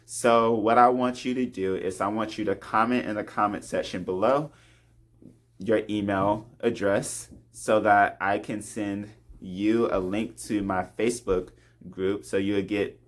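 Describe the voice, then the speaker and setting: A man in a confessional devotional talk to camera, earnest and open about his faith. His voice sits on the low side and he breaks into soft laughs between thoughts.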